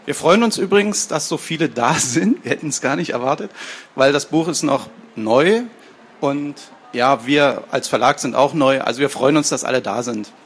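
A man's voice: medium pitch, animated, moderate pace, a little hiss or hum. A man from a publishing house hosting a book reading before an audience, talking hesitantly with fillers. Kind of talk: live event introduction.

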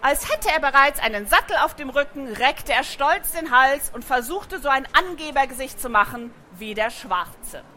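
A woman reads a children's story aloud in a gentle, expressive way. Her voice sits a little high and sounds bright and clear, with a faint hiss behind it. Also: moderate pace, few pauses. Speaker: narrator. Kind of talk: reading a children's book aloud.

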